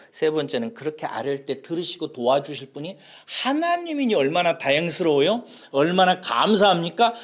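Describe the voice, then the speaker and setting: A male pastor delivers a sermon with a lively, rising and falling voice that sits a little high for a man. He questions the congregation and acts out a child's shouts, then drops to near whispers. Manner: animated preaching, swings from loud cries to near whispers.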